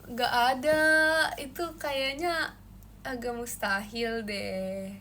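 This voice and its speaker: A woman's voice: animated, slow, slight background noise. A young woman hosting a casual livestream, playfully chatting with viewers and answering their comments. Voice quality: says her own voice gets shrill when loud. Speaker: idol livestream host. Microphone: phone livestream.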